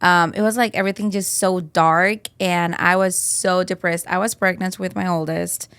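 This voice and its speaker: A woman's voice: lowish voice, steady tone, moderate pace, a bit bright, smooth, no echo. A woman in her thirties from Colombia, a podcast guest chatting casually, laughing often and saying "like" a lot. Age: 30s. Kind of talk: casual interview chat.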